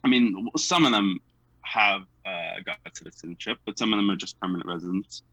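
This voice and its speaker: A man's voice: sits low, fairly quick, pushed and bright, dry recording, poor audio. A young American man with a General American accent, chatting as a guest with lots of fillers and little laughs. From United States. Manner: hesitant, filler-heavy talk with frequent laughs. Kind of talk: casual chat.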